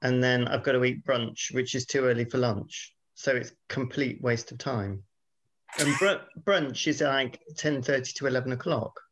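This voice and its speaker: A man's voice: medium pitch, normal speed, a bit bright. A British man hosting a podcast, telling his side of a petty dispute in an exasperated, sweary, interrupting way. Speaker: podcast host. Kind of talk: casual bickering storytelling.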